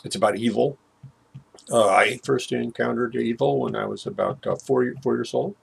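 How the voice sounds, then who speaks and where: An older man telling a personal story in a halting way, with many fillers and restarts, his voice dropping low at grim moments. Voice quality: gravelly, husky voice.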